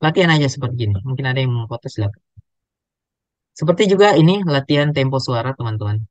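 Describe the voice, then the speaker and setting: Male public speaking trainer on a webinar, animated delivery, close dry sound. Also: medium pitch, fast talker, no echo, poor audio. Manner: animated, demonstrates intonation with drills. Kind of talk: webinar lesson.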